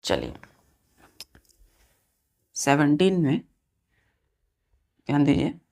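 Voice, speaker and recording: Slow, gravelly woman teacher. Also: deep voice, huge pitch swings, mellow. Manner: spells words letter by letter, asks the class. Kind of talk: vocabulary lesson.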